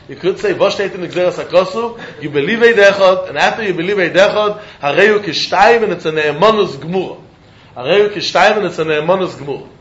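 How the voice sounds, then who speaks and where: A man's voice: high voice, a bit bright. A man with a Yiddish accent giving a Talmud lecture, posing questions and answering them argumentatively, repeating phrases for emphasis. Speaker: religious teacher giving a Talmud lesson. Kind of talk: Talmud lecture mixing English with Yiddish and Hebrew. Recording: muffled, echoey room recording.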